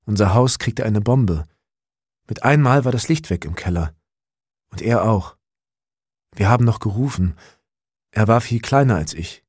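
A small boy amid the rubble, hushed and worn out, as a male reader voices him. His voice sits low and a little husky, recorded dry and close in a storybook reading. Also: animated, a little slow, pauses often, no room sound. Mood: quiet grief. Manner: quiet, hushed. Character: boy in war ruins, small, frightened, tired.

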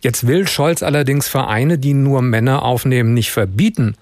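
Radio news host guy, normal pitch, asking interview questions, dry studio sound. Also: moderate pace, darkish tone, no room sound.

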